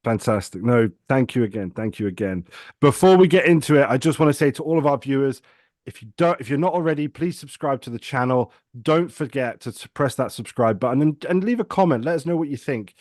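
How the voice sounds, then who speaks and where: A man's voice: medium pitch, expressive, a little fast, a little mellow, no echo, studio quality. A man hosting a business podcast, upbeat and enthusiastic as he welcomes his guest. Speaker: host.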